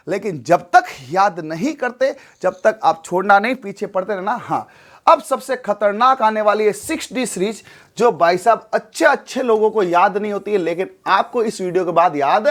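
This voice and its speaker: A man teaching chemistry in a lively classroom lecture, telling a memory story and drilling numbers aloud with coaxing repetition. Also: sits high, moderate pace.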